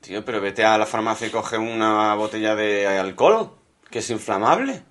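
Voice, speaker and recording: A man's voice: fairly low pitch, lively intonation, moderate pace, a bit bright. A man co-hosting a podcast, reading out odd news and questioning it in casual chat. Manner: reads headlines aloud, questioning, laughs easily. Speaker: podcast co-host.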